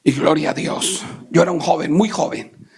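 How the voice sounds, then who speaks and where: A man from Colombia preaching a Pentecostal sermon, moving between shouted preaching and quick, hushed storytelling and calling out to the congregation. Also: a little high, steady tone, breathy edge. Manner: calls out to the congregation. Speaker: pastor. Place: church sanctuary.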